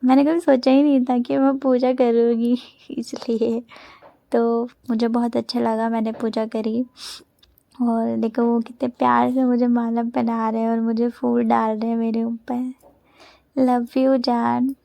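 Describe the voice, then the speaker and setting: A woman's voice: on the high side, little pitch movement, measured pace, vocal fry, warm tone, no room sound. A woman in her twenties narrating her vlog in a chatty voice-over, telling a loose story with many restarts. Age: 20s. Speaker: vlogger.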